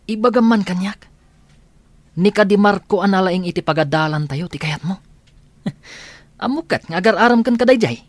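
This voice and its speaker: In an Ilocano radio drama, a man with a high-sitting voice plays a college-age son, a spoiled, boastful rich young man. The acting is light and cocky, at normal speed with frequent pauses and lots of laughter, and there's no echo.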